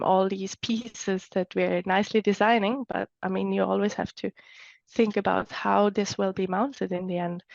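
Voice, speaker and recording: A Swiss woman who works as a timber engineer speaks as a guest in an interview conversation, her medium-pitched voice gravelly. She's thoughtful and restarts small phrases along the way, and the recording sounds dry and dull.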